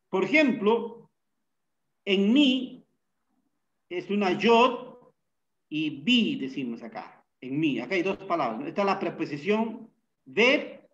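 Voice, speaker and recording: A man teaching a Bible Hebrew class, unhurried, often pausing with fillers and checking in with tag questions. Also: a little high, a bit bright, lo-fi sound. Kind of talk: classroom lecture.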